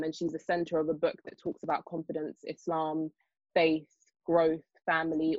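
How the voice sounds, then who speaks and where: A young woman of Nigerian heritage raised in the UK, a guest on a discussion panel, talking quickly with many fillers and restarts. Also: deep voice, a little mellow, no room sound, highs cut off. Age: young adult. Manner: fast, hesitant, lots of fillers and restarts. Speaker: panel guest, children's author.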